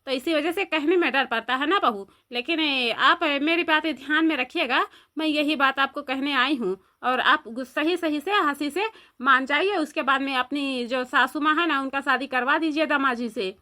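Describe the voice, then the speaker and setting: Brief: woman playing a nosy, coaxing Awadhi village woman, high and bright. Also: moderate pace. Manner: questioning, coaxing. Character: curious, meddling young village woman.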